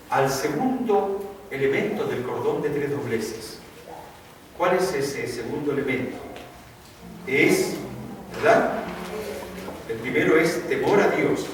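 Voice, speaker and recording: A male pastor preaches a sermon, acting out the voices he quotes. His voice sits a bit high and swings widely in pitch. He is heard from a distance in a strongly echoing church hall with clear background noise. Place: church sanctuary.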